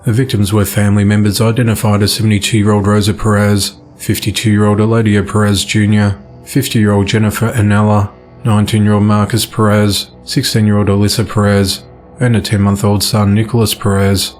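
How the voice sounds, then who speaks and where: Flat low-voiced man reading news. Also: brisk, a little hiss or hum. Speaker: news reader.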